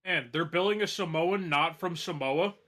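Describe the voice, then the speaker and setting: High, bright-voiced teasing man. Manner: teasing, quick retorts. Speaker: co-host. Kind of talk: live reaction banter.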